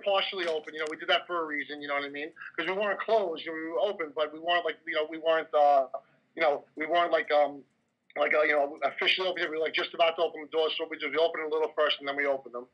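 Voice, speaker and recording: A man's voice: on the high side, steady tone, rapid-fire. A man telling a story at a casting interview, chatty and full of "you know" fillers. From Italian heritage. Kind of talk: casual storytelling. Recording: dull lo-fi recording.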